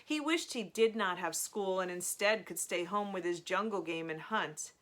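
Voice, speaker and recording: A woman reading a novel aloud in a slow, measured storytelling manner, with casual asides between chapters. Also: lowish voice, fairly bright tone. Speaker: reader of a novel.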